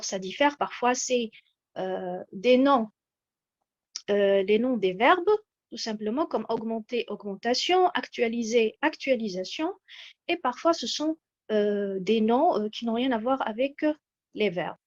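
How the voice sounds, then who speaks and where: Woman lecturer, high voice, measured and hesitant, muffled online-talk sound. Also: expressive. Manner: measured, explanatory, with frequent hesitations. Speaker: lecturer presenting slides. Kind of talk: slide-based lecture on word stress.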